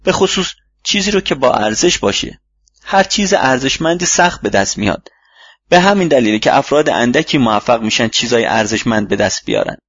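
Patient fatherly mentor read by a man, husky voice, dull dry recording. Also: medium pitch, dry recording. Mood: advising. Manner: calm, instructive, fatherly. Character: wise older male mentor gardener, patient. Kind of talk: audiobook reading.

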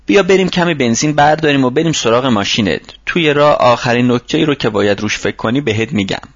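A man's voice: mid-range voice, lively intonation, dry recording, highs cut off. A man reading a storybook, voicing a kindly older mentor who runs a workshop and gives patient advice. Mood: advising. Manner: patient, advising tone.

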